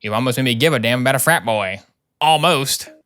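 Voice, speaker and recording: A man's voice: mid-range voice, fairly quick, pushed and bright, clean tone, natural voice. A man voicing a sardonic, blunt male doctor from a video game, with dry sarcasm. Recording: music behind the voice.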